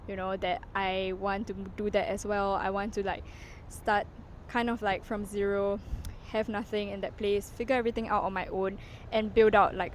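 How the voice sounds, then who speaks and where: A woman's voice: medium pitch, a little hiss or hum, low-quality recording. A woman, talking casually to camera as a vlogger, full of "like" and "you know", walking around as she speaks. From Singapore. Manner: chatty, heavy use of "like" and "you know" fillers. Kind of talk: casual reflective vlog talk.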